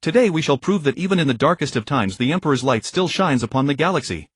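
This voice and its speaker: A man's voice: fairly high pitch, animated, fast talker, breathy edge, no echo. Guy doing a stern fleet commander rallying his troops, resolute, dry close sound. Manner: resolute, declaiming.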